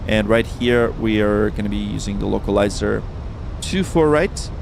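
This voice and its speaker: A man flying a flight simulator on a live stream thinks aloud in chatty, casual commentary, his creaky voice at normal speed. The recording is noisy with constant aircraft cockpit rumble.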